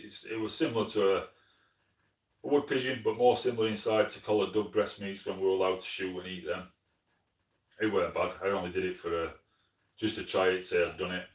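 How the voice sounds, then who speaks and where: A middle-aged man with a Sheffield Yorkshire accent, casually answering live chat as host, relaxed and full of fillers and restarts. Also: low-pitched, distant mic. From Sheffield, England. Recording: roomy, from off the mic.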